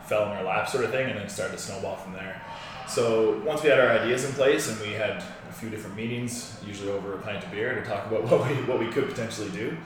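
Low, fast-talking man, echoey. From Newfoundland, Canada. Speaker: guest, physiotherapist. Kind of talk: conversational interview. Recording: echoey, distant mic, noisy room.

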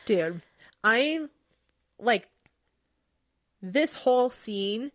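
A woman's voice: a little high, expressive, very slow, fairly bright tone. A woman co-hosting a podcast, chatting casually and animatedly about a film, swearing and acting out quotes. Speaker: podcast co-host.

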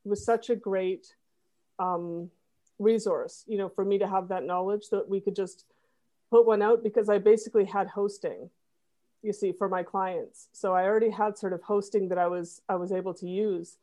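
On a podcast, a woman web designer is interviewed casually and explains, rambling and using fillers, how she runs her site. She speaks at medium pitch and normal speed, with a steady, warm tone.

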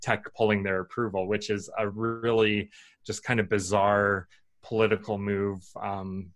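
Male podcast co-host, lowish pitch, quick casual political chat, loose and rambling. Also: level tone. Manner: talks fast in long running thoughts with frequent restarts.

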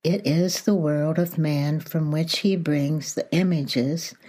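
Woman, low pitch, unhurried pace, soft morning voice, gentle devotional reading. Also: fairly even intonation. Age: older. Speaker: podcast host.

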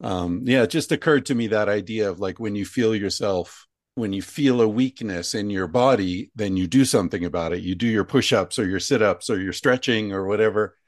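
A podcast host with a lowish voice conducts a conversational interview, musing aloud thoughtfully and rambling with many restarts and fillers. He speaks briskly with few pauses, and the studio-quality recording has no room sound.

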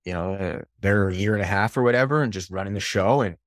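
Low-pitched man as a podcast guest, sales coach, animated storyteller with casual swearing, dry close sound. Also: quick pace, no echo.

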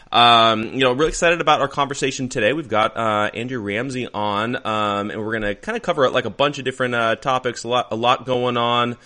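A man's voice: lowish voice, sharp tone. A man hosting a podcast, talking in a casual, conversational way as he introduces the show and guest. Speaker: podcast host.

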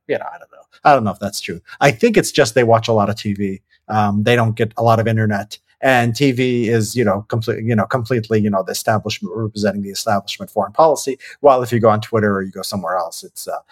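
A man with a lowish voice hosts a relaxed discussion. He thinks aloud and fills his speech with "uh" and "you know". The recording is dry and close. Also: dry recording. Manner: rambling, heavy fillers like "you know". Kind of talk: casual conversational discussion.

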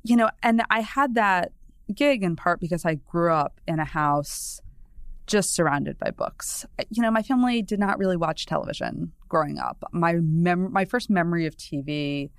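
On a podcast, a New England newspaper columnist in her thirties chats casually as a guest, her lowish voice smooth and moderately paced. She wanders through her points with "you know" asides and easy laughter, recorded in clean studio sound without echo.

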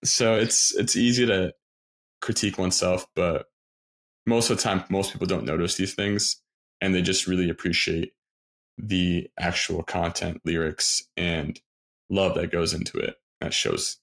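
A man with a very deep voice hosts a podcast conversation. He speaks in an upbeat, encouraging way and reassures his guest. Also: fairly even intonation, a little slow, a bit bright. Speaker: podcast host. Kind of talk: casual interview conversation.

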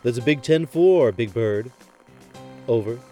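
A man's voice: medium pitch, expressive, a little slow, dark tone, soft background music, pitched below the performer's own voice. A man playing a male trucker who talks in clipped call-sign chatter over a CB radio transmission. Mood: brisk.

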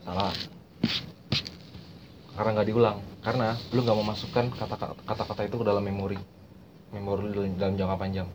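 A young man hosting a podcast explains language learning in a casual chat, speaking quickly and flatly in a lowish voice with long pauses. He is slangy and repeats phrases as he explains. Faint noise sits under the muffled, lo-fi recording.

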